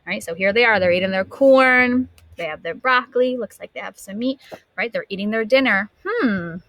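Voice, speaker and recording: With a medium-pitched voice and no echo, a woman teacher reads aloud from a picture book to a young audience. Her style is dramatic, full of gasps and drawn-out words, and she pauses to ask the children questions along the way.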